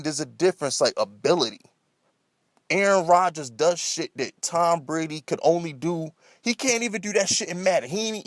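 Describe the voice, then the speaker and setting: A man's voice: a little high, no room sound, studio quality. A man delivering an emphatic, escalating comedic sports rant off the cuff, exasperated, repeating himself and swearing freely. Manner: heavy swearing; emphatic, repetitive, rhetorical questions. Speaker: sports commentator.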